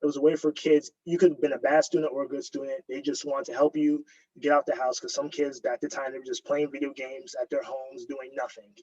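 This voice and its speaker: Husky-voiced man telling a story. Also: medium pitch, brisk. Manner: relaxed, filler-heavy storytelling. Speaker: guest, graduate student. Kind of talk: casual storytelling. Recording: dull lo-fi recording.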